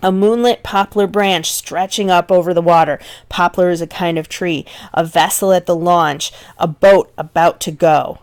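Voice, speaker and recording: A woman's voice: on the low side, steady tone, normal speed, hardly any pauses. A woman teaching literature in a recorded lecture, talking conversationally and often checking in with her listeners.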